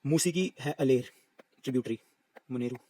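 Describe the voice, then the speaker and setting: A man teaching an exam-prep geography lesson, reciting lists briskly and repeating them to drill them in. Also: mid-range voice, dark tone, no echo, low-quality recording.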